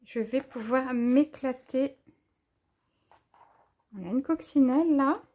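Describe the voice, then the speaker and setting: Bubbly high-voiced French woman crafter. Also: slow, a little mellow, highs cut off. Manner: chatty, enthusiastic, gushes over each item. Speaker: crafting vlogger. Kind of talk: casual show-and-tell haul video.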